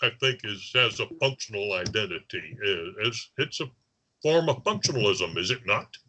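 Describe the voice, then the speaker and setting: A man's voice: lowish voice, lively intonation, normal speed, pushed and bright, slight background noise, low-quality recording. An older man in a casual academic discussion, reminiscing and digressive as he talks philosophy over a video call.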